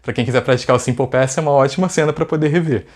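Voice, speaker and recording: A man's voice: mid-range voice, racing. A man with a Brazilian accent teaching English in a casual video lesson, chatty and full of rhetorical questions. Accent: Brazilian Portuguese.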